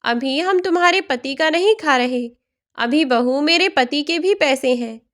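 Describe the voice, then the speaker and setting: A woman voicing a hurt, gentle older mother-in-law in a storybook tale, speaking in a pleading way. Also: high voice, animated, measured pace.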